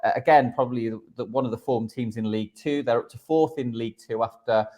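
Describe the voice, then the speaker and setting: Male football podcast tipster, mid-pitched voice, chatty analytical delivery with stammered repeats. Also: fairly even intonation, quick pace, mellow. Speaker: football betting podcast host giving tips. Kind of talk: conversational sports tipping and analysis.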